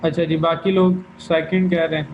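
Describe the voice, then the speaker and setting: A man's voice: fairly high pitch, little pitch movement, moderate pace. Male language teacher running an online class, patient and methodical, on a dull and slightly hissy line. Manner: patient, checks students' answers one by one.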